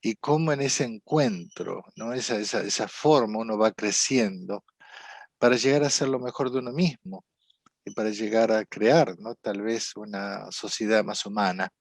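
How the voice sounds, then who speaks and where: A middle-aged man speaks as an interview guest in a reflective conversation, thoughtful and rambling, often ending phrases with a questioning "¿no?" tag. His voice is fairly low and creaky, at a moderate pace, with no room sound.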